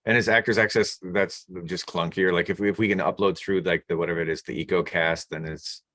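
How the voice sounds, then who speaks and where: A man hosts a chat in a low, deep voice and often answers with short repeated acknowledgements. The video call sound is dry and close, with no room around it. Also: fairly even intonation, a little fast, fairly bright tone, no echo. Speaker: interview host. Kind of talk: conversational interview. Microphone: video call mic.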